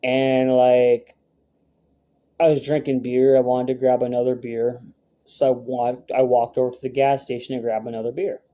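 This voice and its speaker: A man's voice: medium pitch, little pitch movement, moderate pace, mellow. A young man vlogging, telling a rambling, profane story in a brash, casual way with many fillers.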